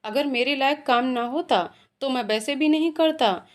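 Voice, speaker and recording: A woman voicing a caring young husband in a spoken storybook, soft and reassuring. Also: sits high, normal speed, natural voice. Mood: gentle.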